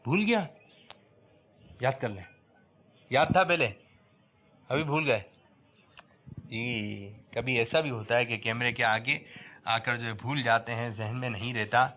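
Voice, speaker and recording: A man hosting a religious quiz for children, coaxing answers out of them and loudly praising the correct ones. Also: medium pitch, long pauses. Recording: tinny lo-fi phone-like sound.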